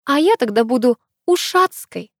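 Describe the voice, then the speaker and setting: A woman reading an audiobook who voices a sharp-tongued, flustered young woman with raised, exclamatory lines. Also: sits high, animated, normal speed, no room sound, clean studio sound, pitched above the performer's own voice. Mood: mocking. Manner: loud, mocking, exclamatory.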